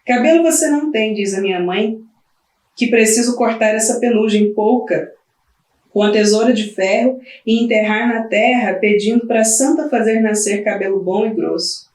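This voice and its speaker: A woman's voice: fairly high pitch, normal speed, a little mellow, close to an everyday voice. A woman voicing a worn-out new mother pleading with her baby, weary and close to tears. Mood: weary, tender. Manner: weary, pleading, breaking into tearful cries. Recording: roomy, from the mic at a distance.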